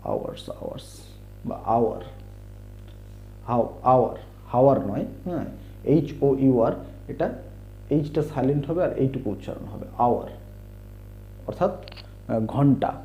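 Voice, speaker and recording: A man teaching English sounds in a slow explanatory lesson, spelling out letters and patiently repeating each word. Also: medium pitch, animated, vocal fry, mellow. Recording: dull lo-fi recording.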